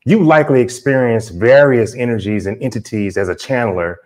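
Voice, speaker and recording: A man hosting a casual spiritual interview, explaining and asking in a halting way. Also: medium pitch, darkish tone. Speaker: interview show host.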